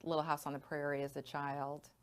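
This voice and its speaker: A woman hosting an interview, reacting to her guest with warm, responsive interjections. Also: deep voice, little pitch movement, brisk, crowd noise. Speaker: podcast host, interviewer.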